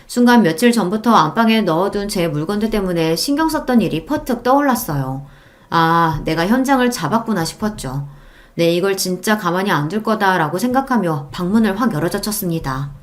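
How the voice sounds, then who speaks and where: A woman's voice: medium pitch, expressive, brisk. A woman narrating a first-person audiobook story in an indignant, emphatic tone.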